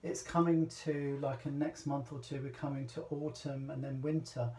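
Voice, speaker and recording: A man from Britain talks in a loose, halting way, with plenty of fillers and restarts. His voice is mellow and dark, and it is picked up from a distance in an echoey room. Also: mid-range voice, level tone. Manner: hesitant, rambling, many fillers and restarts. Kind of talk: casual talk.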